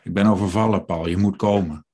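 Man voicing a beaten old man, scared, pleading, low husky voice, audiobook reading. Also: steady tone, brisk, a little mellow.

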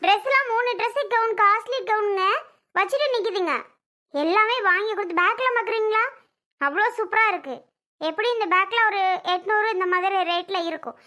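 A woman's voice: extremely high pitch, moderate pace, sharp tone. A woman playing a suspicious young wife who accuses her relatives in a family skit. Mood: accusing. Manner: accusing, cutting, argumentative. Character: sharp-tongued young wife, suspicious and scolding. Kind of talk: home video family skit.

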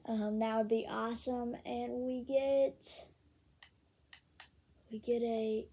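A woman casually talking through a video game, with many ums and excited bursts over card pulls. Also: fairly high pitch, slow, slightly rough. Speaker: gaming channel host. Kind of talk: casual gameplay commentary.

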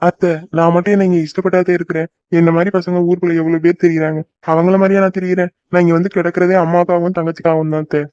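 A woman's voice: on the low side, little pitch movement, very fast, few pauses, a little mellow, no room sound, close to an everyday voice. A woman voicing a dutiful, homesick young son who works away from home, speaking earnestly and reluctantly. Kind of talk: cartoon voice acting. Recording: dull lo-fi dry recording.

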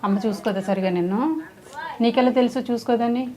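A woman hosting an interview, coaxing a child with soft, repeated questions. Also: fairly high pitch, fairly quick, music in the background. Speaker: host. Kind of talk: casual interview.

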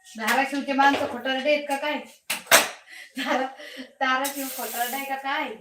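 A woman's voice: high voice, steady tone, moderate pace, recorded from a distance. A woman hosting a casual live stream from her home kitchen, teasing and calling out to viewers by name. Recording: echoey room, faint background noise.

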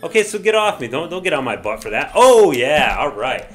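A man casually commenting while playing an old baseball video game, excitable, shouting at the players and grumbling when things go wrong. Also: fairly high pitch, fairly quick, faint music behind. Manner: excitable, swears mildly, yells at the game. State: says he is drunk. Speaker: let's play gamer.

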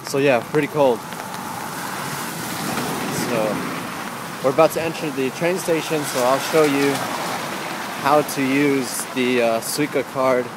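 Walking through rainy streets and busy train stations, a young adult vlogger talks slowly and plainly, leaving long pauses in his low-key narration. His handheld camera, held at arm's length, picks up heavy urban noise from trains and traffic.

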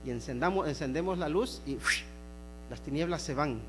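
A man preaching a sermon in a church, emphatic, slowing on key phrases and dropping to soft asides. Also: on the high side, noisy background. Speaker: pastor. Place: church sanctuary.

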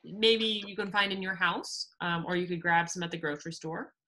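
Woman, children's story reader, expressive narration, chatty video call host. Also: lowish voice, moderate pace. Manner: expressive reading, chatty with fillers. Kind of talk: storybook narration and kids' science talk.

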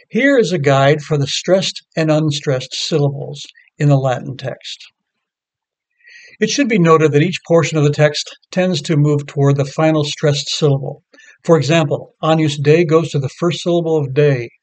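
A man reading a scripted lecture that explains choral music, in a measured, explanatory way. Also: fairly high pitch, a little mellow.

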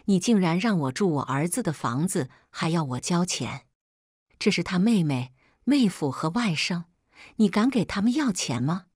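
A woman's voice: lowish voice, expressive, normal speed, a little mellow, breathy edge, dry recording, studio quality. A woman reading a story, voicing a domineering, unreasonable mother-in-law in her fifties. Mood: angry, scolding. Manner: scolding, unreasonable.

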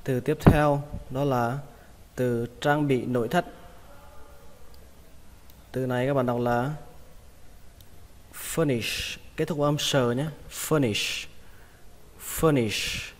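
A man teaching English vocabulary, repeating each word slowly and patiently. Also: mid-range voice, fairly even intonation, big-room sound. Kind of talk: vocabulary lesson.

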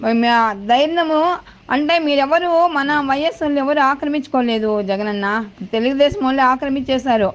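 A woman's voice: sits high, fairly quick. A woman, leaving a recorded phone voice message for a politician she supports, insistent and repeating her point over and over.

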